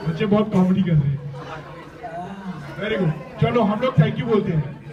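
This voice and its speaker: Male motivational speaker, high voice, coaching students to chant back, muffled sound with a crowd behind. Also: expressive, moderate pace. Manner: emphatic, prompts the crowd to repeat after him. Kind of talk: motivational talk with call-and-response. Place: school gathering with many students. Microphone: handheld or stage mic. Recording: echoey, distant, dull sound with crowd.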